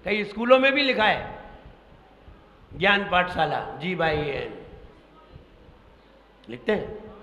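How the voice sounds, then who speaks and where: A man preaches slowly in a high, bright voice. He asks his listeners questions and spells words out one letter at a time. The sound rings with long reverb from a large hall. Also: sing-song, a little hiss or hum. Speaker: Jain monk preacher. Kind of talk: sermon teaching pronunciation.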